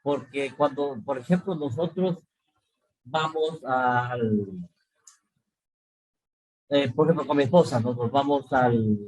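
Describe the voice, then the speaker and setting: Husky man teaching an online class. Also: mid-range voice, darkish tone, poor audio. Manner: explains slowly, repeats points, many fillers and checks of "¿sí?". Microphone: video call.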